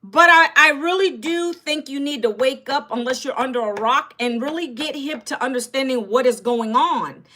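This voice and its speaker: Speaking at normal speed with hardly any pauses, a woman in her fifties from Northern Virginia hosts a casual livestream. Her voice sits high and is bright and forceful as she addresses viewers directly and reads their comments aloud.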